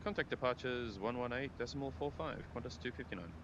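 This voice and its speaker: A man's voice: medium pitch, fast. A man making clipped airline-pilot radio calls into a cockpit headset microphone. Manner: clipped radio phrasing, relaxed between calls. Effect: pilot speaking into a cockpit headset mic. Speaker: flight simulator pilot. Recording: muffled headset mic with steady background hum.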